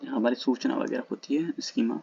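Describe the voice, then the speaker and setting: With a warm, husky, mid-range voice showing vocal fry, a male exam-prep teacher casually works through past exam questions at home at night. He reads the English text slowly and then explains quickly in Hindi, and the recording is muffled.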